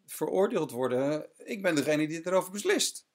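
A man's voice: a little high, very animated, normal speed, pitched above the performer's own voice. A man voicing a stern, commanding Roman governor who presses with insistent questions. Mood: demanding.

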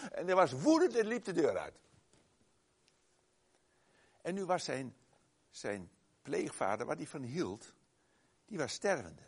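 Telling a personal story within his sermon, a high-voiced man preaches emphatically, exclaiming and swinging between loud and soft.

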